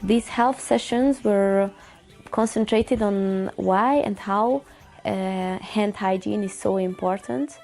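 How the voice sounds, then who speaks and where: Woman, 20s, from Hungary, volunteer doctor; mellow, slightly gravelly delivery, soft music bed behind. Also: mid-range voice, slow pace. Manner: earnest, matter-of-fact recounting with hesitations. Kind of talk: interview testimonial.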